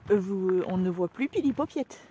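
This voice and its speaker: A woman chatting casually to her viewers in a vlog, outdoors in a cold yard with her animals, sometimes switching to high, cooing baby talk toward them. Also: lively intonation, moderate pace, mellow, slight background noise. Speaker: vlogger.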